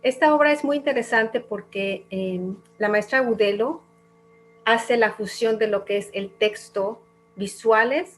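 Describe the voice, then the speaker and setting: Mexican woman calmly explaining music. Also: medium pitch. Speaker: invited pianist guest.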